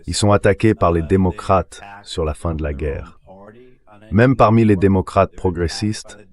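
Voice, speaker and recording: A synthetic male voice-over, very low-pitched with a darkish tone, translates an analyst's political commentary. Its delivery is measured and explanatory.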